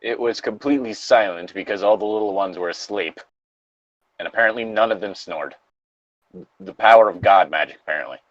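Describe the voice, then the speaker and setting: Here a man with a lowish voice reads fan fiction at a brisk clip, peppering it with joking, wry asides in a casual comedic style. The recording is dry, close, and a little lo-fi.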